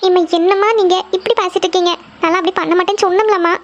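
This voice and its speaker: Woman voicing a young cartoon daughter, pleading, high voice. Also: steady tone, very fast, muffled recording. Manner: pleading, protesting.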